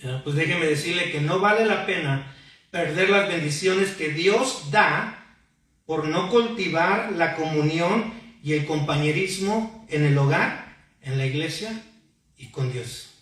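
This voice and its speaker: A man's voice: on the high side, measured pace, fairly bright tone. A male preaching a sermon, asking the congregation questions and prompting their replies. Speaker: pastor. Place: church hall. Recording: very echoey hall, mic far off.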